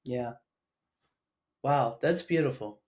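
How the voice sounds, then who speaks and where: A man hosting a podcast interview, talking in a casual, animated, chatty way. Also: medium pitch, takes it slowly. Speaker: podcast host.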